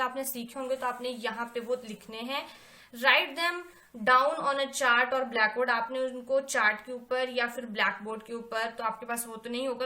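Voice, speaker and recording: A young woman teaches a primary school English lesson in a bright, slightly high voice. She reads the English lines slowly and carefully, then explains them again in simple words. The sound is echoey, as if recorded in a bare room. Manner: slow, careful reading of English sentences aloud; repeats points and checks in with "theek hai".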